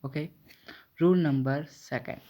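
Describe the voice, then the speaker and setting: An Indian man teaching English pronunciation at a very slow, deliberate pace. His pitch stays flat and even as he walks through rules and repeats each example word. He corrects his own slips as he goes. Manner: frequent self-corrections. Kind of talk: spoken English pronunciation lesson.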